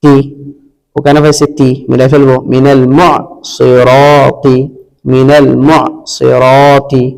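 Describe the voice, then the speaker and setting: A man teaching Quran reading, spelling out each letter and vowel, then blending and repeating syllables slowly. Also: mid-range voice, little pitch movement, creaky, dark tone. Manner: repeats syllables and tells listeners to pay attention. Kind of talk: slow spelled-out recitation lesson. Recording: long reverb.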